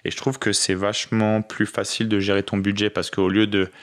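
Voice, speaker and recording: A young man from France telling about his life and business abroad in a relaxed interview, full of fillers and restarts. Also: on the low side, a little fast. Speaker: interview guest, business owner in Australia. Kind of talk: casual podcast interview.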